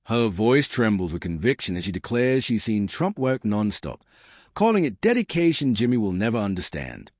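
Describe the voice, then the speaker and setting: Male narrator, low voice with lively swings, dry close sound, for dramatic scripted storytelling. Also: normal speed, no echo.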